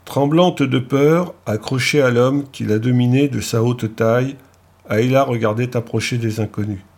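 Husky man reading an audiobook. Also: mid-range voice, normal speed, darkish tone. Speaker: audiobook narrator. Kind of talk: audiobook narration.

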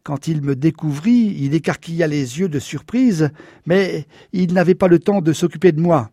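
Brief: a male audiobook narrator, somber and measured, somewhat high-pitched, dry close recording. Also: warm tone, dry recording. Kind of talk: scripted first-person narration.

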